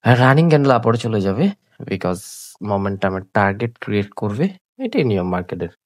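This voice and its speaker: A sick, coughing man, talking slowly through live trades on screen and repeating his points, mixing in English words. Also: on the low side, lively intonation, dry recording. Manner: slow, repetitive explaining with English words mixed in. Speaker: trading tutor. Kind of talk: live trading screen commentary.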